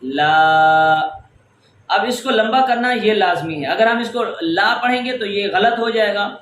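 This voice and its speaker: A man's voice: high voice, a bit bright. A man teaching tajweed, patiently explaining each rule step by step and stretching out example words. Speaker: Quran recitation teacher. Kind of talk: tajweed lesson. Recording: echoey room with faint ambience.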